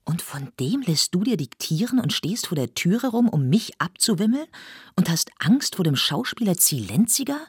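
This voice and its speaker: A woman's voice: deep voice, a little fast, hardly any pauses, husky, no room sound, studio quality, voice pushed up. A proud, indignant actress, read by a woman. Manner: indignant, sharp questions. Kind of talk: audiobook reading.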